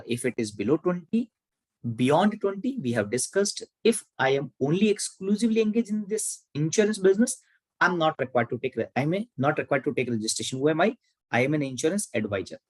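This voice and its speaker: A tax educator with an Indian English accent gives an online tax lecture, asking and answering his own questions and repeating key points. His voice is on the high side and slightly rough, in a low-quality recording with no echo.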